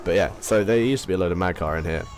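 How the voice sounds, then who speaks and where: An English man talks his way through a game session in a deep, low register. He wanders off topic and second-guesses himself as he goes. A faint hiss of noise sits behind his voice. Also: racing, darkish tone. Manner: rambling, self-correcting, chatty. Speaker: let's play commentator. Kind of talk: casual gameplay commentary.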